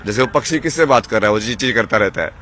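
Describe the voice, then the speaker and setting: A man's voice: fairly low pitch, animated, fast. A man speaking as a spiritual guru in an interview, rambling and preachy, mixing English words into his speech. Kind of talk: casual interview talk. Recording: loud crowd noise outdoors.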